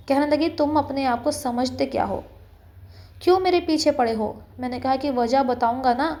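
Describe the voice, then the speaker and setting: A woman telling a romantic story in steady, scripted first-person narration. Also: high voice.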